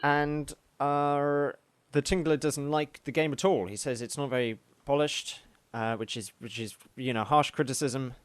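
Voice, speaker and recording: A man co-hosting a podcast in casual chat, delivering jokes deadpan. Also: medium pitch, measured pace, clean tone. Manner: deadpan joking. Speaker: podcast co-host.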